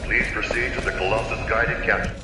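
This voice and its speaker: A male base announcer in a sci-fi video game, speaking over a PA system in a low, flat, formal tone. His voice rings through a long echoing hall, heard from a distance. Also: fast talker, over music.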